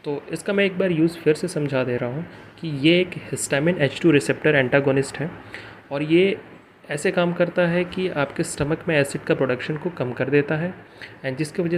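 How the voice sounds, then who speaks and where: A man reviewing a tablet on his channel, explaining it step by step, pausing often and mixing English terms into Hindi. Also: fairly high pitch, a little hiss or hum. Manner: halting, many fillers and restarts, mixes English into Hindi. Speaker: pharmacy vlogger.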